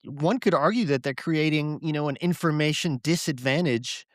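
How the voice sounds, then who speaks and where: A man hosting a podcast interview, asking measured questions with many "you know"s. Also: a little high, dry recording, clean studio sound. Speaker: podcast host.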